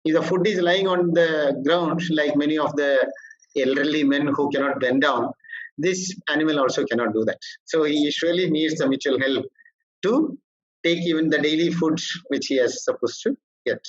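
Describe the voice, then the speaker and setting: Male corporate trainer, slightly high voice, halting and explanatory lecture delivery, muffled lo-fi recording. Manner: halting, explanatory, frequent restarts. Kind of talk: workshop lecture.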